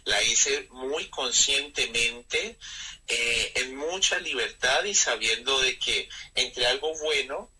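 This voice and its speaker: This is a man in his thirties with a Colombian accent, a friar answering an interviewer on the radio. His voice is strikingly bright and husky, with a raspy grain. He talks in a measured, reflective way, often pausing to find his words. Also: mid-range voice, low-quality recording. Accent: Colombian Spanish. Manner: reflective, measured, with frequent hesitations. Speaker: Carmelite friar. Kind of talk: interview conversation.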